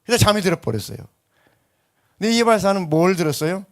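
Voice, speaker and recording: Lively pastor, man preaching. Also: sits high, quick pace. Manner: lively storytelling, acts out voices in anecdotes. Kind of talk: sermon.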